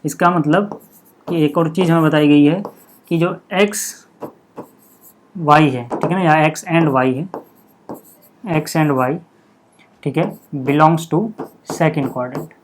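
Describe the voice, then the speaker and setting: A man teaching a maths lesson step by step, checking in constantly with "okay" and repeating the key steps slowly. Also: fairly high pitch, background noise.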